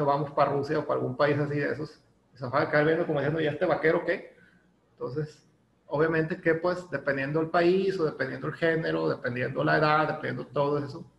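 A man's voice: a little high, gravelly, a bit bright, dull audio. A man with a Mexican Spanish accent teaching an English lesson in a chatty way, using lots of fillers and tag questions. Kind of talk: casual classroom lesson. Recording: echoey room with faint ambient noise.

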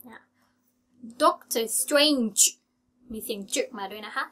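A young woman teaching English pronunciation in a casual lesson, drilling words slowly and repeating them with stress. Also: fairly high pitch, fairly bright tone.

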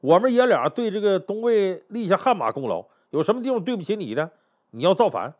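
A man's voice: sits high, very animated, brisk, darkish tone, pitched above the performer's own voice. A man voicing an arrogant, domineering general who indignantly accuses an emperor in a storytold history.

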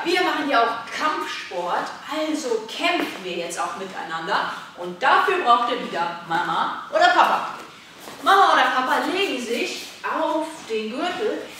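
A woman teaching a lively martial arts lesson to small children, asking questions and answering them herself. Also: high-pitched, far from the mic, a little hiss or hum. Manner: animated, asks questions and answers them, shouts examples. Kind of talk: children's online workout lesson. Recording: roomy echo, voice from the mic.

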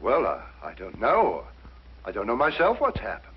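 An actor playing an earnest, officious British police inspector in a 1950s drama, speaking formally and emphatically. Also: male voice, fairly low pitch, huge pitch swings, moderate pace. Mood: brisk, concerned. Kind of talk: 1950s television drama acting. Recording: muffled, noisy 1950s television soundtrack.

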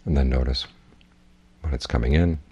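Speaking as a Buddhist teacher, a man leads a guided meditation talk with measured, plainspoken instruction. His husky voice is very deep and warm.

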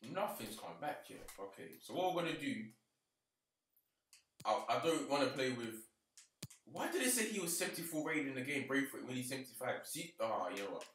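A young man giving casual, excitable commentary on his own football video game and scolding the players on screen. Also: mid-range voice, brisk, far from the mic. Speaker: gaming channel host. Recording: roomy, off-mic, faint noise.

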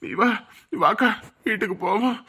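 A man's voice: high voice, normal speed, pushed and bright, husky, heavily acted. A man playing a fretful brother and husband in a comedy sketch, muttering asides and crying out in alarm.

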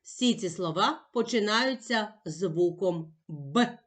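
A woman teaching young children in a patient, emphatic way, sounding out each letter slowly. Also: medium pitch, lively intonation, a bit bright. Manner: patient, sing-song and emphatic, spelling out sounds one by one. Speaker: primary school teacher. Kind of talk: slow, clear classroom instruction for young children.

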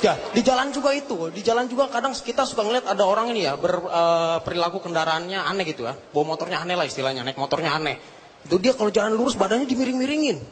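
A man's voice: high-pitched, animated, quick pace. A man doing a stand-up comedy routine, full of slangy, self-mocking punchlines. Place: TV studio stage before a live audience. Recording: TV broadcast with crowd and noise.

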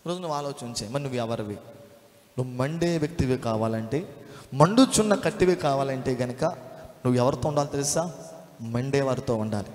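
A man's voice: medium pitch, lively intonation, a little fast. A man preaching a sermon, storytelling and firing rhetorical questions at the congregation. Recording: echoey hall.

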